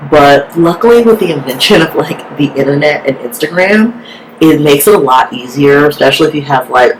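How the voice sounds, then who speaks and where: Here a woman beauty vlogger talks a bit quickly in a low-sitting voice as she explains a makeup tutorial. Her delivery is casual and chatty, peppered with "like," and the low-quality recording carries a steady background hiss.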